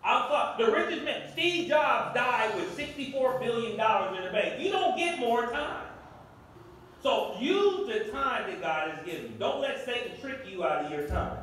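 Fifty-something pastor guy preaching, kinda high voice, repeats stuff for emphasis, far off mic, big echo. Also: expressive, moderate pace, a bit bright, a little hiss or hum. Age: 50s. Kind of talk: sermon. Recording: echoey room from a distance.

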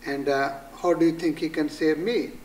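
An older man with a Pakistani accent, a pastor being interviewed, speaking earnestly with many halting pauses as he recounts and quotes scripture. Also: on the high side, steady tone, darkish tone, distant mic, rough recording. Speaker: pastor, guest. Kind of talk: interview answers. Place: small studio room with green wall.

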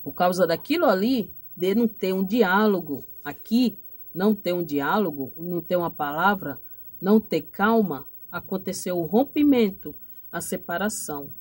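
A Brazilian woman with a fairly low, expressive voice gives a tarot reading straight to camera at normal speed, her Brazilian Portuguese accent clear. She is affectionate and repetitive, full of pet names, and closes phrases with "tá?" to check for agreement. She offers motherly advice and finishes with blessings.

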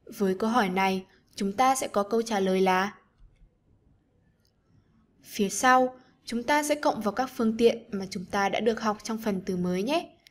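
A woman teacher narrating an online lesson for children, gentle and encouraging as she speaks to the pupils. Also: mid-range voice, moderate pace.

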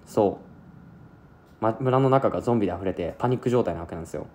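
A man's voice: lowish voice, quick pace, a little mellow. A man recapping an anime plot in a chatty, casual way, acting out lines as he goes. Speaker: anime reviewer.

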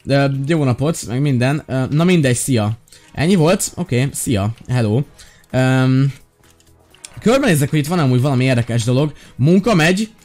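A man's voice: medium pitch, lively intonation, darkish tone. A young man chatting casually while playing a game, joking and sounding exasperated as he talks to his companions. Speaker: Minecraft gaming video host. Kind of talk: casual gameplay chat. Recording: faint background music.

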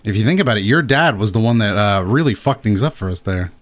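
Excitable, sweary male game streamer. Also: fairly low pitch, quick pace. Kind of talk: casual, joking live game commentary. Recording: faint game noise behind. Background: horror game audio.

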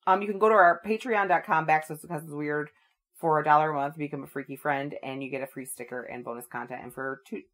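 A woman's voice: low voice, fairly even intonation, quick pace, fairly bright tone. A woman co-hosting a podcast in casual chat, chatty as she reads out plugs and links for listeners. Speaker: podcast co-host.

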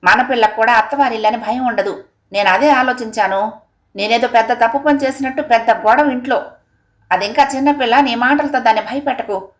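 A woman's voice: fairly high pitch, brisk, natural voice. Stern middle-aged father who rules the house, read by a woman narrator. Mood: angry. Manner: domineering, threatening. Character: stern old-fashioned village father, middle-aged man. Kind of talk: audiobook character reading.

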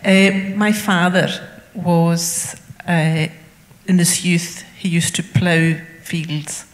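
A woman's voice: on the low side, little pitch movement, extremely slow. A woman in the audience telling a personal story, a little hesitant and apologetic. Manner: slightly hesitant and apologetic, with fillers. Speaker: audience member. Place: public hall. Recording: hall reverb from a live talk.

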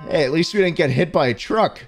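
A man streaming a horror game, talking in a lively, swooping voice that jumps between jokes and sudden outbursts. He sits a little high in pitch for a man. Game music plays clearly behind him. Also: fast talker. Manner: excitable, swearing, laughing outbursts. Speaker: gaming streamer. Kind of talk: let's-play commentary.

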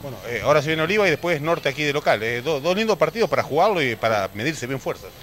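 A man's voice: on the high side, lively intonation, fast, fairly bright tone, a little hiss or hum. A man with an Argentine accent interviewing a basketball player for local TV, asking chatty questions full of fillers. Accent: Argentine Spanish. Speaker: sports reporter interviewing a player.

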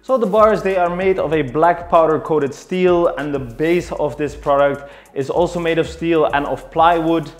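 A man's voice: a little high, moderate pace, few pauses. A young man in his twenties giving a detailed, explanatory product review of home gym equipment, recorded indoors on a camera mic at mid distance. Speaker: fitness reviewer. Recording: echoey room with faint music.

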